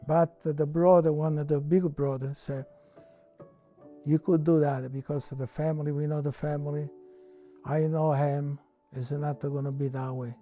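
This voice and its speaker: Soft music sits quietly beneath this interviewee, an older Italian man looking back on his past. His English is broken and hesitant, with lots of fillers and false starts, and his accent is Italian. The voice is dark, deep and mellow, with a pitch slightly high for a man.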